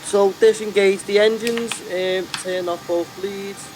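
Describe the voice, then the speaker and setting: Halting man with a slightly high voice. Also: fairly even intonation, background noise. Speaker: guest co-pilot guiding the streamer. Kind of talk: casual step-by-step instruction.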